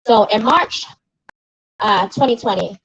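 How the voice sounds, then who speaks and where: A woman's voice: on the high side, measured pace, a bit bright, breathy edge. A woman in her forties speaking as a grieving sister at an outdoor rally in the rain, emotional and at times angrily accusing. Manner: emotional, rising to angry accusing outbursts. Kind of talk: impassioned protest speech. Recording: dull lo-fi recording.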